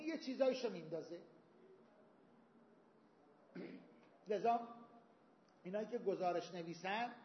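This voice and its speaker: Male seminary teacher, high voice, explanatory lecture style, roomy hall recording. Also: slight background noise. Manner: explains with everyday examples, quotes Arabic texts. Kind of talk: Islamic jurisprudence lecture. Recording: echoey hall, dull lo-fi sound.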